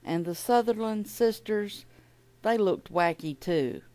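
A woman reading a children's picture book aloud at an elementary school, with an expressive, animated delivery. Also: mid-range voice, slow.

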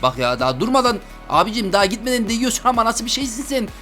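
Excitable high-voiced young man gaming. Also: fast talker, soft background music. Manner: excitable, loud outbursts and frequent exclamations; talks to viewers as friends, slangy. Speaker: gaming video host. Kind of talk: Roblox gameplay commentary.

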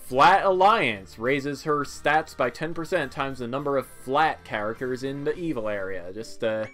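A male gamer offers relaxed, rambling commentary while he plays, with video game music in the background. His medium-pitched voice has a fairly bright tone and a measured pace, and his asides come out hesitantly.

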